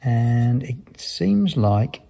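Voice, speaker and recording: With a medium-pitched, gravelly, mellow voice, a man draws out his words and swings widely in pitch. He's an aircraft maintenance engineer presenting, explaining technical matters informally in a matter-of-fact, understated, somewhat hesitant way.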